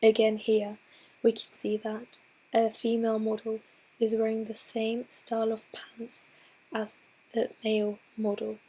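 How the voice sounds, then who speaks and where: A hoarse woman, clearly ill, presents her slides in a breathy, half-whispered voice. She talks slowly and haltingly, restarting phrases as she goes. Her tone is mellow and dark, and her pitch stays flat. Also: rough recording. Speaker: student presenter.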